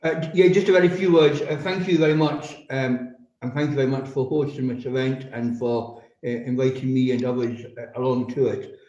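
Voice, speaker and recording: A man's voice: medium pitch, steady tone, moderate pace, a little mellow, roomy sound, dull audio. A man, an invited guest speaker, giving short polite remarks at an event, hesitant with many ums.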